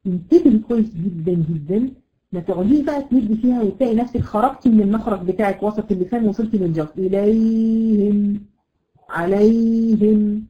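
An Egyptian woman teaches a recitation class in a patient, even way, stretching out each example word. Her speech is full of small fillers. The sound is dull and lo-fi, as over an online call. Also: mid-range voice. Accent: Egyptian Arabic. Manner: patient, drawn-out example words, frequent fillers. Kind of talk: online tajweed lesson.

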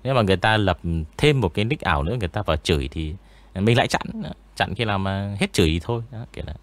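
Deep-voiced man, rambling. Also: very fast, dry recording. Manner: relaxed, rambling, many fillers. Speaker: ghost story narrator. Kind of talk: casual interview chat.

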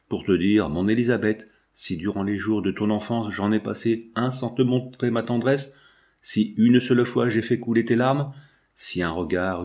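A tender old father blesses his departing child, solemn and grieving, as a man reads him in his own voice. The audiobook reading keeps a measured, earnest tone. His words lean on benediction and pleading. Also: mid-range voice, darkish tone, close to an everyday voice.

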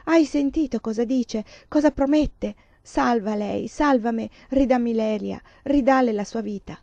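A woman's voice: a little high, normal speed, vocal fry, a little mellow, no room sound, dull audio. A woman reading the part of a feverish young man who pleads fervently with the woman he loves. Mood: delirious.

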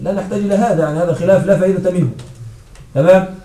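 High-voiced man teaching a grammar lesson. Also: racing, mellow. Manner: checks understanding with frequent questions to students. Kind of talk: classroom lesson explaining grammar. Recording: echoey room from far off.

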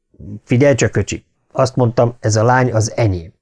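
Man reading a brutal middle-aged hunter, crude, mocking, slightly higher voice, audiobook. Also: a little mellow, natural voice. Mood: threatening.

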